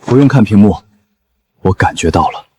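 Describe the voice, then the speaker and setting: A man's voice: on the low side, expressive, normal speed, mellow, slightly rough. An actor playing a resolute, intense young man who leads an ocean team by intuition, in a screen drama. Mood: grave, brooding.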